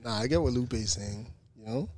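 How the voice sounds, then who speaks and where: Argumentative slangy man, mid-pitched voice. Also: moderate pace, a little hiss or hum. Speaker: podcast co-host. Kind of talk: casual banter among friends.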